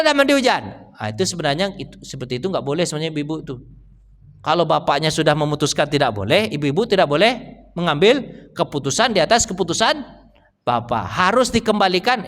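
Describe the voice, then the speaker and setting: A man's voice: a little high, animated, fast, a bit bright. A man giving a casual religious study talk at a mosque, chatting with the congregation, asking them questions and acting out family dialogue. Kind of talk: casual sermon. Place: mosque hall. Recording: long reverb of a mosque hall.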